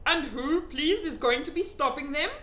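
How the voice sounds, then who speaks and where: A woman voicing a friendly old male giant in a children's storybook, excitable and emphatic, with quaintly muddled grammar. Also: high-pitched, moderate pace, pitched above the performer's own voice. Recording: echoey room.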